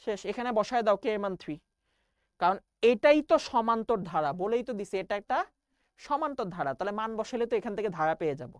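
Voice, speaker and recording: A woman's voice: mid-range voice, lively intonation, quick pace, no room sound. Young lady teaching math online, walks through it step by step, dry close sound. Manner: explains step by step, calls students "baba". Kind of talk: online class lecture.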